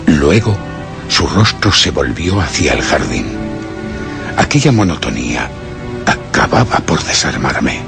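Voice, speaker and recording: Heavily acted and very animated, an actor with an extremely low, creaky voice and Castilian Spanish accent plays a guilt-ridden, tormented gentleman recounting his slide into madness in a horror radio drama. His measured, brooding, literary delivery sounds despairing and unhinged over a music bed.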